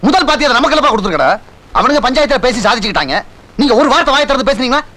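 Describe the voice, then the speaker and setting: A man's voice: very high-pitched, very animated, very fast, sharp tone, heavily acted. A young man playing a son arguing heatedly and scornfully in a film family feud. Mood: angry. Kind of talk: Tamil film dialogue.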